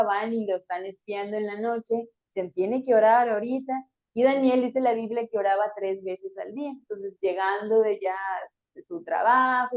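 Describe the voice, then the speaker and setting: A woman's voice: mid-range voice, a little mellow. A woman teaching a Bible story in a conversational way, with fillers and small laughs between phrases. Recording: dull lo-fi recording.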